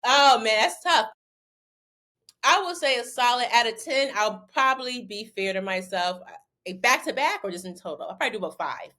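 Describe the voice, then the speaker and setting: A young adult woman from Connecticut, a guest in a casual interview, telling animated stories and repeating words when she gets excited. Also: a little high, normal speed. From Bridgeport, Connecticut. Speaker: interview guest, former basketball player turned model.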